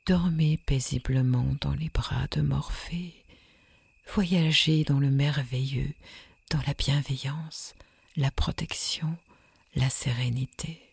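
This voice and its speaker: A woman leading a guided sleep meditation in a soft, soothing, breathy whisper with long hypnotic pauses. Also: very deep voice, steady tone, no echo.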